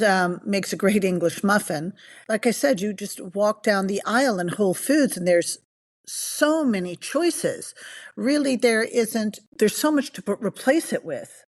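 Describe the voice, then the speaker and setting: A middle-aged woman from the Bahamas, a nutrition coach talking as a podcast guest in an enthusiastic, chatty, storytelling way. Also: medium pitch. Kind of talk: casual podcast interview.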